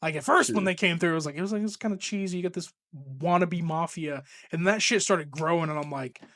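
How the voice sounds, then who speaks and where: A man's voice: on the high side, quick pace, fairly bright tone. A man co-hosting a wrestling podcast, chatting casually, loose and profane, laughing often. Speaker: podcast co-host. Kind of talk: casual chat.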